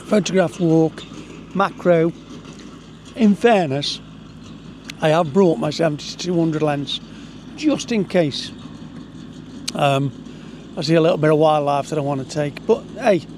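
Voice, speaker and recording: Man, slightly high voice, casual vlog chat, halting delivery, lapel mic outdoors, tractor rumbling behind. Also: a little mellow. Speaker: hobby photography vlogger. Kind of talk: casual vlog talk to camera. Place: outdoors in gardens. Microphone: lapel mic with furry windshield. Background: tractor engine rumble.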